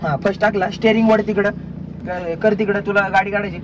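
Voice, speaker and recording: A man's voice: high-pitched, steady tone, fairly quick. A man from Maharashtra coaching a driver from the passenger seat, repeating short, bossy commands over and over. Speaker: driving instructor. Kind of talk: casual in-car coaching. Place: inside a car on the road. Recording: muffled, with loud road noise.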